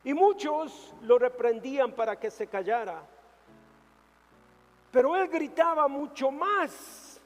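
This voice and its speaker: Male pastor, high voice, slow and deliberate, dramatic swings from loud to hushed, church-hall reverb with faint music. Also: expressive. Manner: preaching with dramatic rises and hushed drops. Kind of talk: sermon.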